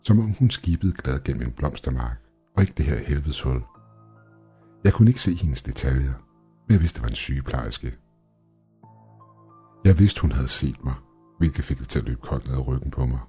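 Very deep, husky male horror narrator. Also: lively intonation, warm tone, soft background music. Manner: tense, measured storytelling.

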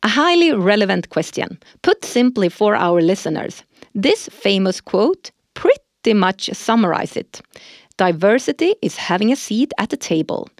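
A woman's voice: medium pitch, sing-song, unhurried, no echo, studio quality. Woman reading scripted podcast lines. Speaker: podcast host. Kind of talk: scripted corporate podcast dialogue.

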